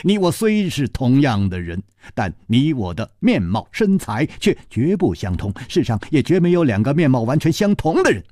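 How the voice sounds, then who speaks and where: A man playing a suave, sharp-witted male detective hero, calm and teasing, in a spoken storytelling recording. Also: medium pitch, moderate pace, hardly any pauses, dry recording, clean studio sound, close to an everyday voice. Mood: amused.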